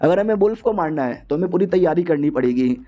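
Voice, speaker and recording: A man's voice: fairly high pitch, lively intonation, dark tone, lo-fi sound, natural voice. A man putting on a whiny little girl's voice. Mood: earnest. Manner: pleading, drawn-out begging. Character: clingy little girl companion, whiny and timid.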